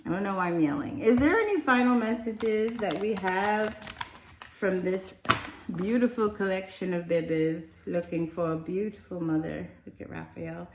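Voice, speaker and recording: A woman's voice: fairly low pitch, normal speed, reverberant, a little hiss or hum. A woman giving a casual, rambling spiritual card reading, chatty and enthusiastic. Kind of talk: casual tarot-style reading.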